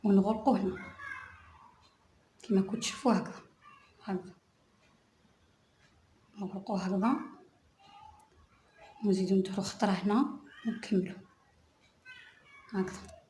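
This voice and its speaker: A woman teaching crochet step by step, softly counting stitches aloud. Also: mid-range voice, very animated, roomy sound, a little hiss or hum. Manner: soft-spoken, counts stitches aloud slowly. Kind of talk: step-by-step tutorial narration.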